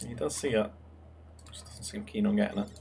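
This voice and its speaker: A man's voice: medium pitch, big pitch swings, fairly quick, vocal fry, mellow, a little hiss or hum. A young man commentating a strategy game match in a casual, musing way, thinking aloud with fillers. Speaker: game caster.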